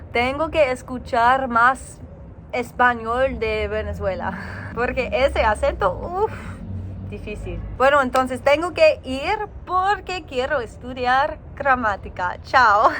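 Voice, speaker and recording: A tired woman who is a native English speaker with an American accent, recording a casual video diary in a learner's slow, careful Spanish, searching for words and laughing at herself. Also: sits high, expressive, a bit bright, slight background noise.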